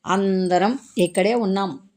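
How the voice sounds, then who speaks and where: A woman's voice: medium pitch, unhurried, a little mellow, close to an everyday voice. A woman reading a story aloud, voicing a caring young woman who speaks eagerly and earnestly.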